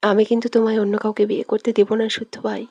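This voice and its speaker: A woman's voice: mid-range voice, little pitch movement, fast, mellow, no room sound, lo-fi sound, natural voice. A woman voicing a jealous young woman who sobs, pleads and accuses her beloved in a romantic audio story. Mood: tearful, accusing. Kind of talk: scripted audio drama reading.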